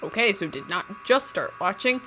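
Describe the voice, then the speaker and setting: A woman's voice: mid-range voice, expressive, normal speed, pushed and bright, soft background music. A young woman co-hosting a podcast, teasing and skeptical as she chats casually about TV shows. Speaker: podcast co-host. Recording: faint background noise.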